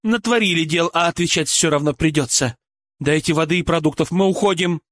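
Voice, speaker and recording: A man's voice: a little high, brisk, no echo, studio quality, voice pushed up, lightly acted. A man reading an audiobook, voicing an angry, bitter woman, a former shop clerk and mother, who hurls accusations and insults. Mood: bitter, furious. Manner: harsh, accusing, shouting insults.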